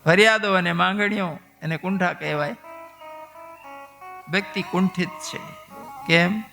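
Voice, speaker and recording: High, bright male devotional storyteller. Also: measured pace, gravelly, long reverb tail, soft background music. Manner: animated, questioning the audience. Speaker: religious storyteller.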